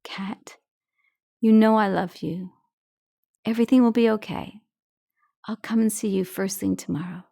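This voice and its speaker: Woman reading older mother-in-law, affectionate, soothing, slightly gravelly. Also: mid-range voice, unhurried, long pauses, dark tone. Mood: tender.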